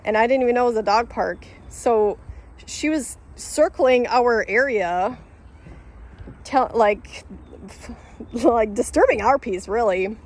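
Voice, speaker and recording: A woman vlogger with a slightly high voice takes her time, leaving long pauses as she tells a story to camera. She's casual and rambling, with many fillers, restarts and self-corrections, and she keeps laughing while she talks.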